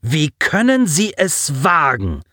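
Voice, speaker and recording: A man's voice: on the high side, wildly swooping pitch, slow, sharp tone, no room sound, studio quality, voice pushed up, exaggerated voice. A man reading an audiobook, voicing a principled, indignant senior male starship commander who speaks firmly and reproachfully. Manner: firm, objecting and reproachful.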